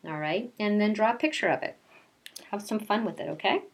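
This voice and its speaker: Expressive and a little fast, a kindergarten teacher with a mid-range voice reads a picture book aloud to young children. She talks to them directly, so the session combines reading with casual chat.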